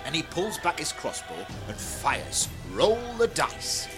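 A man's voice: fairly high pitch, wildly swooping pitch, takes it slowly. A man narrating a tabletop game as game master, bossy and teasing. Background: background music.

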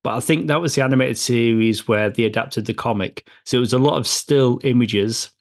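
Guy co-hosting a movie podcast, easygoing chat, mid pitch. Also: a little fast. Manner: chatty, with filler and restarts. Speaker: podcast co-host. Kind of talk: casual film discussion.

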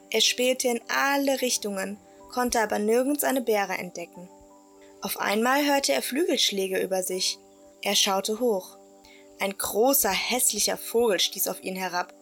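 Gravelly-voiced woman narrating a story. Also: on the high side, measured pace, soft background music. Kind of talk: storybook narration for a radio play.

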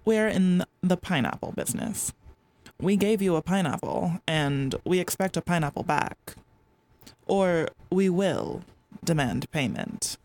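A woman's voice: on the low side, expressive, darkish tone, slight background noise. A woman doing an oily mock-polite henchman. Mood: menacing. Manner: slow, silky, threatening politeness.

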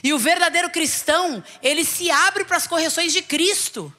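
A middle-aged Brazilian woman bishop preaching to a congregation, animated, with rhetorical questions and calls for the people to repeat after her. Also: extremely high pitch, moderate pace. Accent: Brazilian Portuguese. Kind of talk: sermon.

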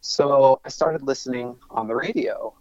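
A man's voice: mid-range voice, expressive, moderate pace, darkish tone, dry recording, highs cut off. A man in his thirties from Long Island, a sports broadcaster, talking enthusiastically with many restarts and fillers. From Long Island, New York. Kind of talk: casual interview talk.

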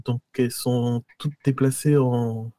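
A man's voice: mid-range voice, steady tone, unhurried, mellow, dry recording. A man from Côte d'Ivoire, a podcast guest, explaining in an easygoing way with many fillers. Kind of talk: casual interview.

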